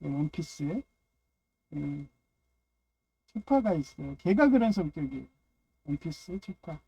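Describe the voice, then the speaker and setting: A man's voice: fairly high pitch, animated, a little slow, vocal fry, dark tone, slightly rough, no echo. A man giving a loose, rambling personal monologue on faith and family, dropping frequent "yes" fillers between phrases. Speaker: speaker of a personal religious talk.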